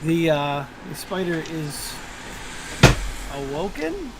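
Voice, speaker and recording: Male game master over clear background noise. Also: mid-range voice, normal speed. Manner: thinks aloud while checking rules. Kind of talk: casual tabletop game narration. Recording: noisy room, steady background noise.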